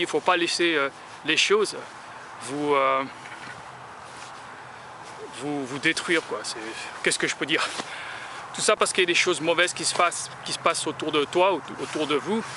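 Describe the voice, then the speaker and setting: A man from France vlogging as he walks outdoors, talking in a rambling, hesitant way full of filler sounds. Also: a little high. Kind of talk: casual walking monologue. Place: outdoors in a town, walking in the sun. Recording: noisy outdoor street recording.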